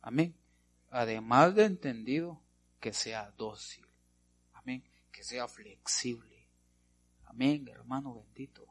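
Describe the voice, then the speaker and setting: A man preaching a sermon with a somewhat husky, breathy voice at a middle pitch. He talks straight to his congregation, asking them questions and dropping frequent amens between points. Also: takes it slowly, pauses often. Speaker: pastor.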